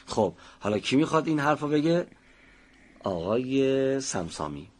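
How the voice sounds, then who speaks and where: A man teaching a televised pronunciation lesson, patiently explaining step by step and slowly demonstrating each sound. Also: mid-range voice, very animated.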